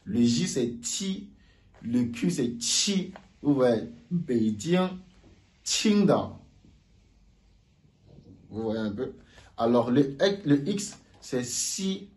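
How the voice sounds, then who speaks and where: A man giving a casual video lesson on Mandarin sounds, slowly repeating each sound aloud for learners. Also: medium pitch, expressive, darkish tone. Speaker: Mandarin teacher.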